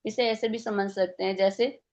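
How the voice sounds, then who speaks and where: A woman's voice: mid-range voice, fairly even intonation, moderate pace, darkish tone, highs cut off. A woman teaching a devotional scripture class, explaining step by step and posing rhetorical questions.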